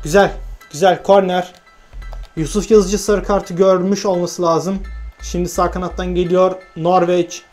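Man, high pitch, gameplay commentary, swings from loud cheering to low muttering, faint music behind. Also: unhurried. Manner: excited shouting on goals, then glum muttering to himself. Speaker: gaming YouTuber.

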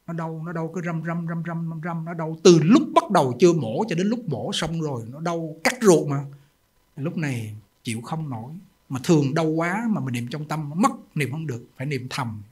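A man's voice: fairly high pitch, moderate pace, darkish tone, breathy edge. A man, a Buddhist monk giving a sermon in an emphatic, folksy storytelling way with rhetorical questions.

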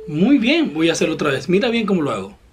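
A man giving an online guitar lesson, patient and encouraging, explaining each step slowly and talking straight to the student. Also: on the high side, very animated. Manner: slow, step-by-step instruction. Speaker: guitar teacher. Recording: loud guitar playing behind the voice.

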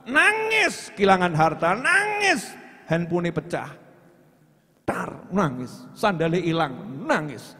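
A man preaches a sermon, chanting lines of devotional poetry in between. He swings from loud cries down to hushed, low asides. His voice rings out with a long echo through a large hall. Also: breathy edge.

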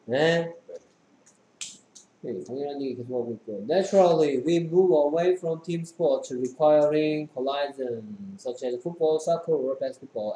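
A man's voice: on the high side, mellow. A man tutoring English, reading sentences aloud and quizzing his student with short questions. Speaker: English teacher. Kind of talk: tutoring lesson, reading and explaining English text. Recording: echoey room with faint background noise.

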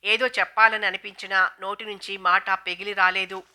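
A woman reading a novel aloud as narrator, in a steady, even storytelling manner. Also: medium pitch, moderate pace.

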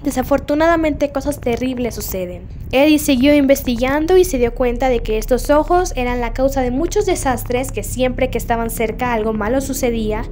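A woman YouTuber giving chatty, jokey commentary on a game's story, retelling scenes with animated asides. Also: high-pitched, moderate pace, hardly any pauses, slight background noise. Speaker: gaming YouTuber. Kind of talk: game story analysis commentary.

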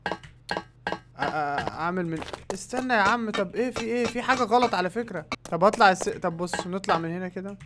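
An Egyptian-accented man rattles through his game commentary at a rapid clip, his voice sitting fairly high for a man. He is excitable and yelps at close calls. The recording is noisy, with clicks underneath. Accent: Egyptian Arabic. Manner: excitable, yelps and cries out at near-misses. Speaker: gaming YouTuber. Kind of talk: let's-play commentary.

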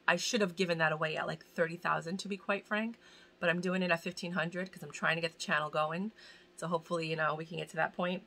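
Sitting in a cramped home room piled with boxes and bags, a woman in her forties films a giveaway for her fashion channel, the camera at desk distance. She chats casually, rambling and gushing over the items despite being in pain, her forceful voice low-ish and bright.

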